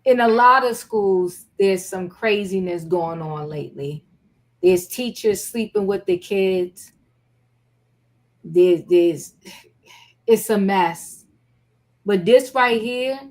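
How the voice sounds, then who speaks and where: A woman hosts a casual panel chat in a mid-pitched voice. She takes her time, speaking slowly and leaving space between short phrases. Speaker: host.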